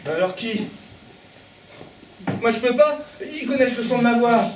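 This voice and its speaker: A man's voice: extremely high pitch, animated, normal speed, slight background noise. An actor playing a flustered, pleading man who needs help getting his test results, in an amateur stage play. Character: anxious man scheming to get his lab results. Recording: echoey hall from far off.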